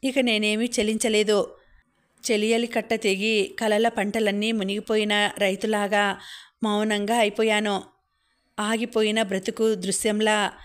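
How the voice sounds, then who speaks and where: A woman reads a novel aloud in the first person as an audiobook narrator. Her storytelling is steady and measured, and her pitch stays flat and even, in the middle of the range.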